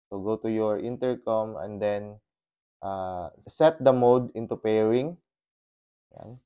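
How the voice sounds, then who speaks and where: Taking it slowly, this man's lowish voice is clear and resonant, though the sound is lo-fi. He's a Filipino motovlogger on his motorcycle in a subdivision, explaining gear pairing steadily through a helmet intercom mic, switching between Tagalog and English with many fillers.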